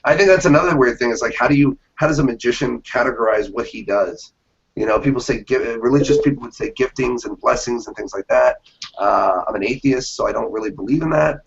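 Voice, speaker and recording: Gravelly-voiced man in his thirties. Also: medium pitch. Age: 30s. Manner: animated storyteller, acts out quoted reactions. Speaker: magician guest. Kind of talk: casual interview conversation. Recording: dull lo-fi interview audio.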